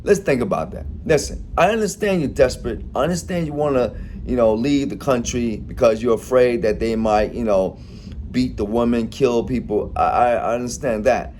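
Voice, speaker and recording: A man's voice: mid-range voice, moderate pace, a little mellow, slight background noise. A man talking straight to his audience in an opinion monologue, emphatic and informal, firing off rhetorical questions. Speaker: commentator.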